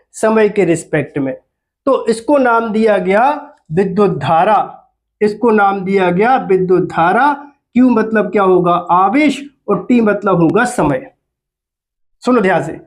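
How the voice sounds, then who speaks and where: A man lectures a physics class in a strikingly high voice. He speaks slowly and deliberately, repeating key terms and pausing to ask his students questions before answering them himself. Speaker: physics teacher.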